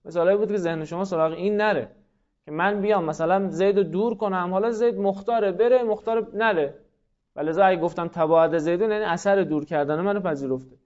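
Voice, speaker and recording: A man's voice: sits high, a little mellow. A man teaching a class, explaining step by step, often repeating himself and putting questions to his students. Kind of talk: classroom lecture. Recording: dull lo-fi recording.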